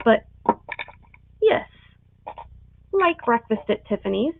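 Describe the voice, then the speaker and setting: A woman's voice: a little high, very animated, slow pace, vocal fry, no echo. A woman working as an auctioneer on a live online sale, presenting items and calling bids. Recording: tinny phone-like sound.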